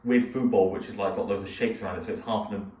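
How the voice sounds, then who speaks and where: A man's voice: lowish voice, fairly even intonation, fast. A young man co-hosting a podcast, chatting casually and rambling through stories with laughs. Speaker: podcast co-host. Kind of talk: casual chat. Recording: echoey, distant, dull sound with faint hiss.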